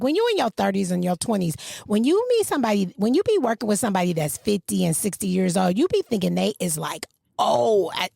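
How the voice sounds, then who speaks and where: A woman from Michigan with a slight Southern accent, hosting a podcast and telling stories in a playful, animated way straight to her listeners. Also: mid-range voice, creaky, slightly rough, dry recording, studio quality. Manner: animated, playful storyteller who addresses listeners directly. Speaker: podcast host. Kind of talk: casual chat, storytelling. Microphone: studio microphone.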